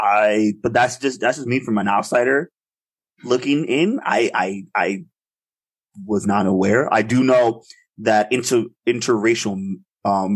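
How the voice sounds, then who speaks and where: A young man co-hosting a casual podcast chat, talking in a hesitant, rambling way with many fillers and restarts. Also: mid-range voice. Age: young adult. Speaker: podcast co-host.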